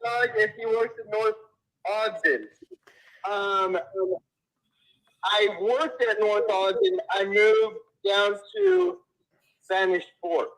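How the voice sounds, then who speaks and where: A man's voice: sits high, lively intonation, rough recording. Man calling in on speakerphone. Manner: soft-spoken, hesitant, halting answers. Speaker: caller on a live show.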